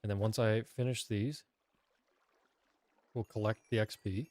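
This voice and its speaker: A man's voice: on the low side, steady tone, a little slow, a little mellow, no room sound. A man streaming a game, chatting casually with his chat and eating a meal at his close desk mic. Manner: chatty, eats on mic while talking to chat.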